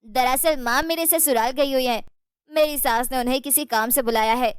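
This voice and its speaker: A woman doing a sly, calm young sister-in-law. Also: high voice, moderate pace, clear, resonant tone, dry recording, studio quality, close to an everyday voice. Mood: teasing. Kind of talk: cartoon storybook voice acting.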